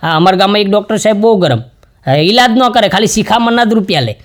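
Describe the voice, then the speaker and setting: A man with a Charotar Gujarati accent telling folksy jokes on stage, switching into high, shouty voices for his characters. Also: lively intonation, quick pace. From Gujarat, India. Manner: acts out characters with sudden jumps to a high shouting voice. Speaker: stand-up comedian. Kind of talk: folksy joke-telling to a live audience.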